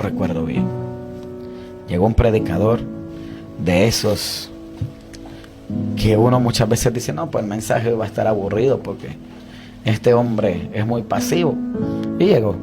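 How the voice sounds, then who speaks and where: A young man preaching a confessional testimony in an earnest way, repeating phrases for emphasis. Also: mid-range voice. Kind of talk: emotional sermon testimony. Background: loud instrumental music.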